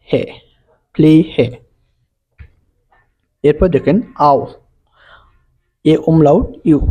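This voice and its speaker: Man, language teacher, mellow tone, very slow delivery, spells letters, repeats example words. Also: on the high side, husky. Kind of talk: slow explanatory lesson.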